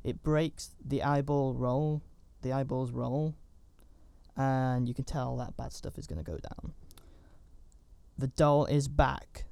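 A man's voice: mid-range voice, darkish tone, clear, resonant tone, no room sound. A man giving a casual, rambling recap of a horror movie, with chatty asides and fillers. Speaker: film reviewer.

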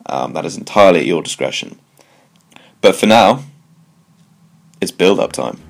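A British man hosts a solo music commentary podcast, speaking in a wry, digressive style full of jokey asides. His voice sits low and creaky, expressive, at a moderate pace.

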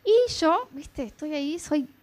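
A woman's voice: high-pitched, expressive, measured pace, a little mellow. A young woman, giving a testimony sermon and acting out the dialogue as she tells the story.

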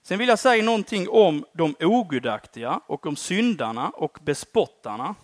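A man preaching a sermon in a conversational way, often tagging his phrases with a questioning "va?" and swinging between loud emphasis and quiet endings. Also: a little high, very animated, dry recording, clean studio sound.

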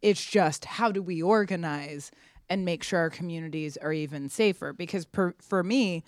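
A woman on a podcast panel, talking casually and reflectively in short, measured phrases with pauses. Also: fairly low pitch, dry recording, clean studio sound. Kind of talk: casual discussion.

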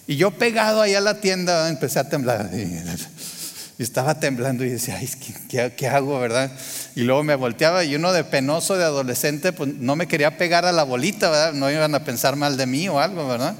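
Mexican preacher in a reverberant hall. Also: male voice, a little high, expressive, fairly quick. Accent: Mexican Spanish. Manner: conversational, frequent "¿verdad?" asides to the congregation. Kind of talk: sermon with a personal story.

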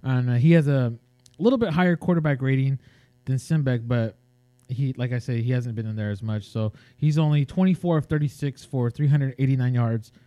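A man's voice: medium pitch, a little fast, dark tone, dry recording. Hesitant Californian man chatting football. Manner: hesitant, many fillers and restarts. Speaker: sports podcast co-host. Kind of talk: casual sports chat.

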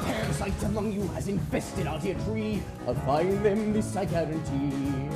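Woman doing a cold commanding inspector, stage musical, loud music behind her. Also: medium pitch, measured pace, roomy sound, a loud crowd, lightly acted. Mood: menacing. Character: stern authoritarian chief inspector hunting traitors. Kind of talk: musical theatre singing.

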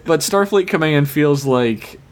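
Male podcast co-host, slow halting delivery, casual recap. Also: a little high, lively intonation. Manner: hesitant, halting, frequent pauses.

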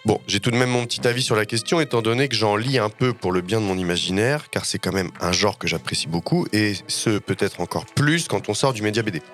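A man's voice: lowish voice, a little fast, hardly any pauses, a bit bright, faint music behind. Ironic, opinionated man reading his column. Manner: ironic, opinionated, self-mocking. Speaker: podcast critic.

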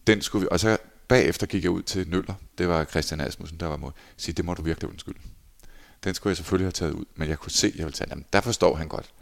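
A man in his forties, a former handball goalkeeper, telling lively anecdotes in a casual interview and acting out quoted lines. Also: deep voice, creaky. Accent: Danish. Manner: animated anecdotes, acts out shouted quotes.

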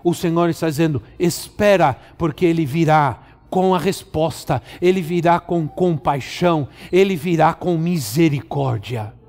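A man's voice: fairly high pitch, unhurried, few pauses, darkish tone. A middle-aged man with a Brazilian Portuguese accent preaching a sermon as a pastor, drawing out and repeating his phrases for emphasis. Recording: long hall reverb.

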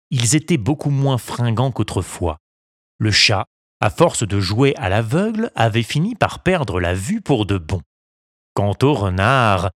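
Storybook reader, slow, measured, lively intonation, dry close sound. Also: mid-range voice, no room sound. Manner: calm, measured, expressive reading. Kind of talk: storybook narration.

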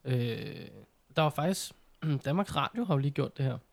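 A man in casual conversation, telling things in an informal, animated way with mild slang. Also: fairly high pitch, creaky. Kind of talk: casual chat.

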